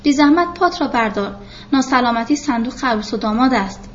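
A woman's voice: on the high side, lively intonation, lo-fi sound, slight background noise, close to an everyday voice. A woman voicing a stubborn old male carpenter who talks bluntly and plainly, in a storybook reading.

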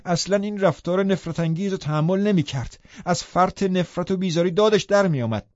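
A man's voice: fairly high pitch, animated, mellow, dry recording, dull audio, pitched above the performer's own voice. A man voicing a distressed, defiant young woman in an audiobook, speaking in a heated, pointed way. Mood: scornful.

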